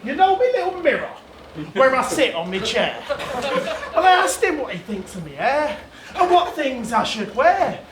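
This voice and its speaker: A man voicing a vain young woman with a northern English accent, whiny and self-absorbed, in an echoey venue with a loud crowd. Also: very high-pitched, big pitch swings, moderate pace. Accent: northern English, put on.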